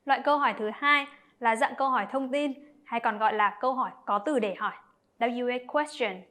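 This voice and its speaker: A woman teacher walks young pupils through each example in a clear, explanatory way. Her voice is slightly high, and she speaks straight to the children as she breaks down every point. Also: a little fast, bright, forceful tone. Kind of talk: explanatory lesson narration.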